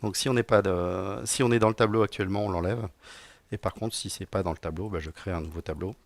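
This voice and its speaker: A man with a low, gravelly voice presents a coding talk to a live audience, loose and joking with frequent fillers. His voice is recorded close and dry, with almost no room echo. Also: steady tone, fast. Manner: casual and joking, many fillers. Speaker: conference speaker, technical director.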